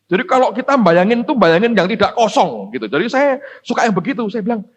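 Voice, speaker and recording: A middle-aged pastor from Semarang, preaching a folksy, story-driven sermon that speaks straight to the congregation. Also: male voice, high voice, fast. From Semarang, Central Java. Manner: animated, folksy, addresses the congregation directly. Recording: dull lo-fi recording.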